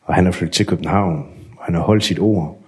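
A man telling his personal story in a candid, unhurried way, acting out remembered conversations. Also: low-pitched, darkish tone. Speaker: guest sharing a testimony.

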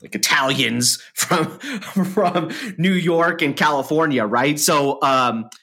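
A man's voice: fairly high pitch, takes it slowly, sharp tone. A middle-aged man from Pennsylvania co-hosting a podcast in casual chat, easygoing, laughing along and explaining things at length. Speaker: podcast co-host.

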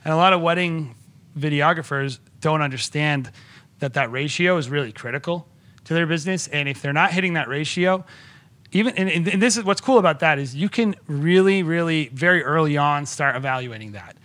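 Upbeat male podcast guest, bright and slightly high voice, rambling and eager. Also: brisk. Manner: enthusiastic, rambling with many restarts. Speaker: podcast guest, wedding filmmaker. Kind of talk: casual podcast conversation.

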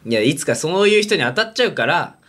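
A man's voice: a little high, sing-song, fast talker, a bit bright. Guy chatting on a radio show, bouncy voice, teasing. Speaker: radio co-host. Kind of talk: casual chat.

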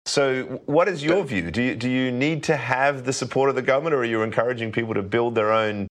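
A man's voice: mid-range voice, fairly quick. A man moderating a panel discussion, asking long, winding questions and thinking aloud as he goes.

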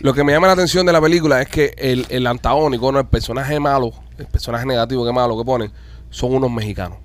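A man's voice: mid-range voice, quick pace. A man hosting a podcast, telling a story in a rambling, profane way with many restarts. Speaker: podcast host. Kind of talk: casual chat.

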